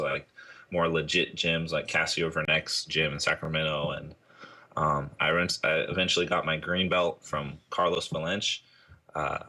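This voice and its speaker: Young man from Hawaii, very deep but bright voice, easygoing and rambling. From Hawaii, United States. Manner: rambling, relaxed, many fillers. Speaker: interview guest, athlete. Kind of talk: casual interview.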